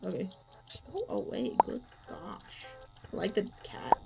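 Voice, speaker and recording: A young woman streaming a game from home, chatting casually, muttering and reading on-screen text aloud with quick reactions. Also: mid-range voice, wildly swooping pitch, gravelly. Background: background music and keyboard typing.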